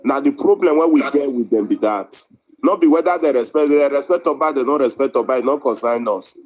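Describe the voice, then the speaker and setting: A man's voice: mid-range voice, brisk, a little mellow, slight background noise. A Nigerian man arguing informally in Pidgin, insistent and confrontational in the way he presses his point. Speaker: debate participant.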